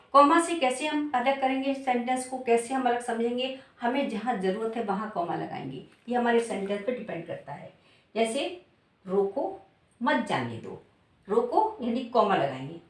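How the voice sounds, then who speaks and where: A woman teaching a spelling lesson to exam students. She talks slowly, repeats her examples and asks questions that she answers herself. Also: on the high side. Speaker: Sanskrit and Hindi teacher. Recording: echoey room, voice from a distance.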